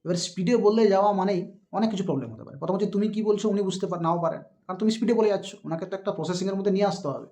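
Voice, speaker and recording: Man, teacher, spoken lesson, slightly high voice, patient explaining, acted examples. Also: very fast. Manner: explains patiently, acts out examples with sudden loud and soft turns. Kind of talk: spoken lesson on interview speaking skills.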